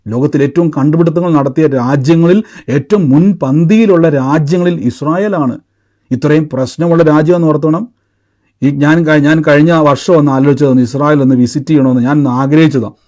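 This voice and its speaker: A man's voice: a little high, warm tone. A man preaching a live-streamed sermon, asking emphatic questions and leading the listeners in repeated declarations. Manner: emphatic, rising questions and call-and-response.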